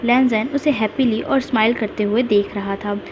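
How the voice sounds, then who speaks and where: A woman retells a fan fiction story, walking through events at a steady pace. Her voice sits fairly high. The sound is dull and lo-fi, with a faint hiss behind it. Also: normal speed. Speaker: story narrator.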